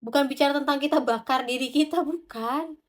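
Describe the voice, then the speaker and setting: A woman with a high, bright-pitched voice delivers a devotional sermon. She speaks with animated, searching energy and talks straight to her listeners. She acts out short quoted prayers and voices as she goes. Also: a little fast. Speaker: preacher.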